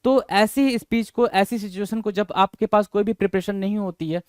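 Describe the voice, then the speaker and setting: High pitched guy teaching vocab, keeps repeating words and quizzing, dry close sound. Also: fairly even intonation, normal speed, smooth, no room sound. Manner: drills words, repeats and spells them out, asks students questions. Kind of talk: exam-prep lesson.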